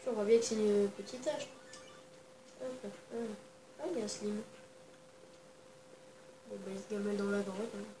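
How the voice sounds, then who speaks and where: A woman, quietly talking through a video game in a rambling casual way, full of hesitations. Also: mid-range voice, steady tone, normal speed, pauses often, a little hiss or hum. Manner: talks quietly, holding her voice down at night. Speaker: gaming channel host. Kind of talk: casual let's-play commentary. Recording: echoey room, distant mic, game music behind.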